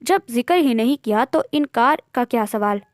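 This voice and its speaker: A woman's voice: fairly high pitch, expressive, normal speed, no room sound, clean studio sound, close to an everyday voice. A woman narrator voicing Amma, a busy, offhand middle-aged mother. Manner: offhand, matter-of-fact.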